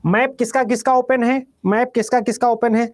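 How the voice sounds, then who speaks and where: A man with a Bihari Hindi accent teaching a geography class, repeating each item slowly for students to write down and calling them "beta". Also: very high voice, steady tone, no echo, clean studio sound.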